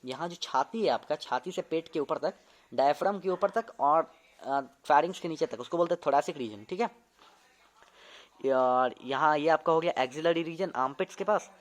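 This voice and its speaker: A young man, a medical student, speaks at a moderate pace in a voice on the high side. He casually teaches an anatomy lesson, demonstrating movements and often repeating terms to check that listeners understand.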